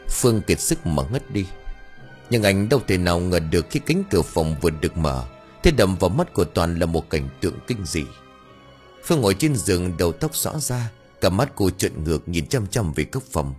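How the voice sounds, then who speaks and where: A man narrating an audiobook horror story in an expressive, dramatic storytelling manner. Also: low-pitched, fairly quick, faint music behind.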